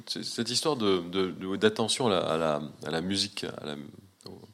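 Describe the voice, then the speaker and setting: A man's voice: low-pitched, normal speed, creaky, fairly bright tone. A man in casual conversation, speaking reflectively with many hesitations and restarts.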